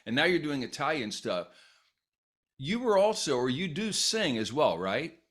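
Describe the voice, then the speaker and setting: A man's voice: on the high side, very animated, normal speed, a bit bright. A middle-aged man hosting a podcast who asks long, winding follow-up questions and adds his own stories. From United States. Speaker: podcast host. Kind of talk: casual interview.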